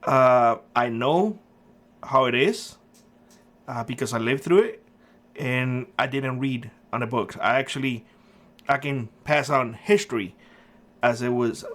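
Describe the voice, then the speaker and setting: Speaking unhurriedly with long pauses, this middle-aged man from Cuba has a mid-range, fairly bright voice. As host of a prepper channel, he delivers an earnest, emphatic, casual monologue to camera, full of fillers.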